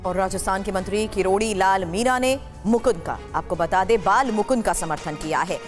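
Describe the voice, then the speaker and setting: A woman's voice: mid-range voice, fairly quick. Woman anchor reading news over music. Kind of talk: scripted news narration.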